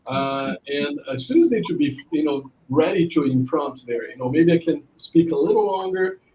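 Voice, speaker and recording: A man's voice: a little high, sing-song, normal speed, darkish tone, poor audio. A male admissions consultant, a podcast guest, giving advice in a rambling way, with frequent restarts and "you know"s.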